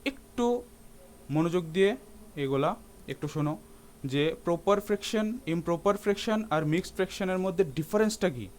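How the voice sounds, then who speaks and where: A man's voice: high-pitched, fairly quick, slight background noise. A man teaching a math lesson in a classroom-lecture style, often asking his students rhetorical questions and slipping English terms into his speech.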